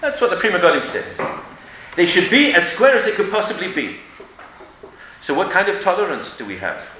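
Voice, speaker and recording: A man's voice: high-pitched, big pitch swings, brisk, bright, forceful tone. A man giving an emphatic religious lecture with stories and rhetorical questions, sprinkling in Hebrew and Yiddish terms. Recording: echoey room with background noise.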